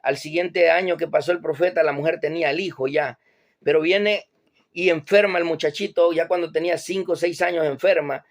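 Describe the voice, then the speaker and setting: A man's voice: a little high, steady tone, a little fast. A man retelling Bible stories in a plain, conversational way, as an informal teacher.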